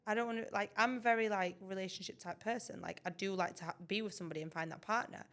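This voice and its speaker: A woman's voice: mid-range voice, steady tone, fast, a bit bright. A woman, co-hosting a podcast in a chatty way and laughing often. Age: 20s. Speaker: podcast co-host. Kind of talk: casual chat.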